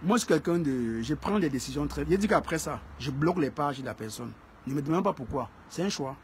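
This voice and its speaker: A man's voice: a little high, expressive, fairly quick, a little mellow, slight background noise. Emphatic man chatting on a live stream. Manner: emphatic, repeats phrases for stress; greets and answers viewers by name. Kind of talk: casual live-stream chat to viewers.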